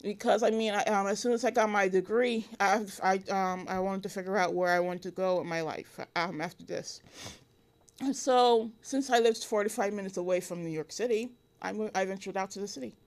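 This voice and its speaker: A woman's voice: mid-range voice, brisk. A woman in her thirties from Connecticut, talking casually as an interview guest, with many fillers and restarts. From Connecticut, USA. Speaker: interview guest, illustrator and cartoonist.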